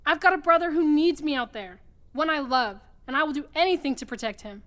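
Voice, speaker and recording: A woman's voice: sits high, lively intonation, fairly quick, a bit bright. A woman playing a determined, feisty young city ladybug in a children's audio drama, dramatic and urgent. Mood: rousing, determined.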